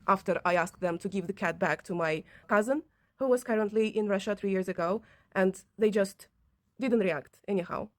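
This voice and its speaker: Talking to camera at a normal pace in a mid-range voice, a Latvian woman vlogs about her own life. English is not her native language, which shows in her phrasing, and her manner is earnest and conversational.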